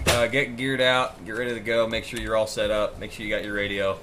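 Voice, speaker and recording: A man's voice: on the low side, level tone, fairly quick. A man chatting casually and wryly as a player in a military game squad, with some swearing. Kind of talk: casual gaming chat. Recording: noisy game voice chat.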